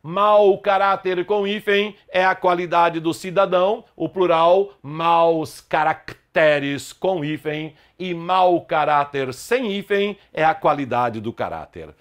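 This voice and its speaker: A man teaching a Portuguese grammar lesson, spelling out words slowly and deliberately, one at a time. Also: sits high.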